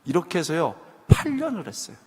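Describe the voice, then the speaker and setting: A man's voice: on the high side, fairly quick, slightly rough. A man giving a sermon to a young adults' group, telling stories and acting out the voices of the people in them. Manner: animated storytelling, acting out quoted voices. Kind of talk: sermon with storytelling. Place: church hall. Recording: long hall reverb.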